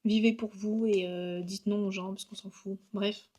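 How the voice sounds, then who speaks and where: A woman's voice: mid-range voice, fairly even intonation, normal speed, mellow, a little hiss or hum. Chatty young woman vlogging. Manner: chatty and upbeat, many fillers, laughs at herself. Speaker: vlogger and graphic designer. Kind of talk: casual vlog chat.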